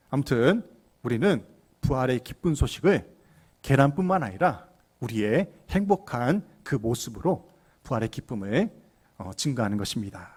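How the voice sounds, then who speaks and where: A man's voice: medium pitch, a little mellow, husky. A middle-aged man preaching a sermon as pastor, earnest, asking the congregation rhetorical questions. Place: church sanctuary.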